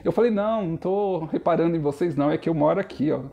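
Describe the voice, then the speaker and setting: A young adult man shares his testimony in a sermon, addressing the congregation as brothers with earnest storytelling. He speaks quickly, in a fairly high voice with a dark tone and vocal fry.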